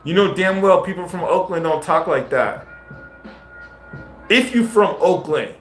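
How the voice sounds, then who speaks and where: A man's voice: sits high, measured pace, a bit bright. A man live-streaming casual commentary, talking in slang straight to his viewers. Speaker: livestreamer. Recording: roomy echo with faint music.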